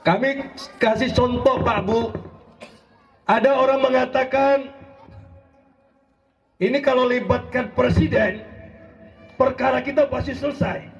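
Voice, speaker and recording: High-pitched guy preaching hard, keeps calling out to the crowd, muffled lo-fi sound. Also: steady tone, a little slow, pauses often, soft background music. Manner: rousing, often shouting, keeps addressing listeners directly. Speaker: preacher and legal consultant. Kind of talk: impassioned sermon to a congregation. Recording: dull lo-fi recording.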